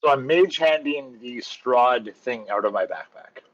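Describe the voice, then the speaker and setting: A man describes his moves in a tabletop game, stopping to check the rules as he talks. His voice sits at an ordinary mid pitch. The sound is a little dull and lo-fi. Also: animated, a little slow. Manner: thinks aloud, checking rules mid-sentence. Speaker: player. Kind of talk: casual tabletop game chat.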